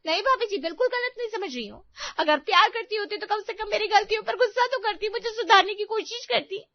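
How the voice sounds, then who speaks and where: Squeaky whiny young bride in a cartoon, dry flat sound. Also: female voice, brisk, dry recording, muffled recording. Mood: upset. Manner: whiny, demanding. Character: young sulky female sister-in-law Sunita. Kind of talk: cartoon voice acting.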